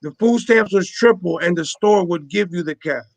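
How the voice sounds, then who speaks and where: A man's voice: high-pitched, moderate pace, dry recording. A man in his forties hosting a casual panel chat on a video call, emphatic and full of street slang, repeating his points. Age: 40s.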